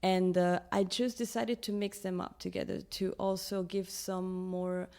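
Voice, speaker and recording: A woman's voice: lowish voice, little pitch movement, measured pace, vocal fry, darkish tone. A woman from Peru, a film director, talking in an interview and searching for words as she explains her ideas. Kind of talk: casual interview talk.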